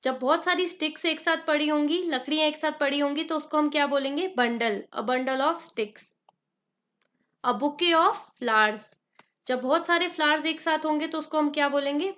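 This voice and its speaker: High-voiced woman teaching grammar. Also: a bit bright, muffled recording. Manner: slow dictation of examples, quizzing the viewer. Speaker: exam prep teacher. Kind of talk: grammar lesson in Hindi-English mix.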